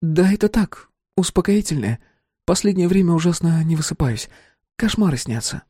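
A man's voice: a little high, expressive, moderate pace, mellow, breathy edge, no echo, clean studio sound, voice pushed up. A man doing a fretful, teasing young wife. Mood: weary. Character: anxious, sharp-tongued young wife. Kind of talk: audiobook character voice.

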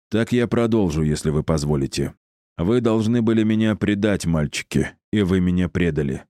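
Guy doing a smug cruel necromancer, deep dark voice, sneering the whole time. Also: dry recording, clean studio sound, close to an everyday voice. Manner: mocking, condescending, insulting.

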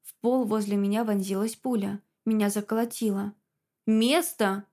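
A woman's voice: mid-range voice, level tone, fairly quick, dark tone. A woman reading a dramatic first-person audiobook story in a tense manner. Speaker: audiobook narrator.

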